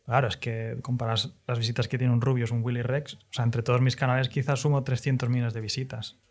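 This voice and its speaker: A man speaking as a podcast guest, reflective and soft-spoken, often restarting his sentences. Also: mid-range voice, flat delivery, quick pace. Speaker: guest youtuber. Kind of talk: casual podcast chat.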